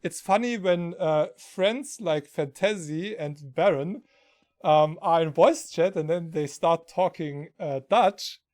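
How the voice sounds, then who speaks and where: High-voiced German man chatting and laughing. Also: takes it slowly, darkish tone. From South Germany. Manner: rambling anecdotes, laughs often. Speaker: stream host. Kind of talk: casual stream chat.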